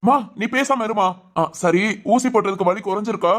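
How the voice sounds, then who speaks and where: A stubborn, hot-headed grown son in a cartoon, voiced by a woman, fiercely protective of his mother. He talks very fast, ranting and insisting on getting his way. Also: mid-range voice, natural voice. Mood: indignant. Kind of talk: Tamil family cartoon voice acting.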